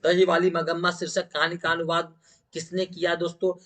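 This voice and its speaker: A man's voice: fairly high pitch, completely flat delivery, brisk, fairly bright tone. A man with a Bihari Hindi accent teaching exam questions, repeating each answer back as a question to his viewers.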